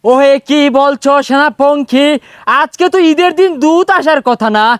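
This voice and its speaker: A man's voice: very high-pitched, normal speed, a bit bright, dry recording, studio quality. A man playing a pompous, hot-tempered king in a comic skit, bellowing commands. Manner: blustering, bellowing royal commands.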